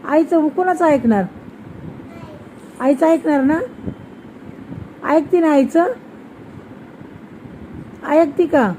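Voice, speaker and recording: A young mother, coaxing her toddler in a slow, sing-song voice and repeating her questions. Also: high voice, mellow, slight background noise, low-quality recording. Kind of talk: casual coaxing chat with a small child.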